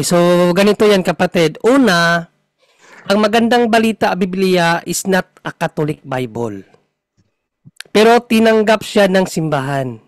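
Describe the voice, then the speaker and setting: A man hosting a talk and explaining Bible verses patiently, slowing down to read passages. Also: high-pitched, no echo, low-quality recording. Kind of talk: conversational Bible teaching.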